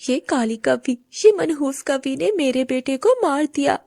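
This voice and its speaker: A woman's voice: sits high, animated, unhurried, creaky, mellow, no echo, clean studio sound, heavily acted. A woman voicing an angry, grieving mother bulbul bird in a cartoon, harsh and accusing.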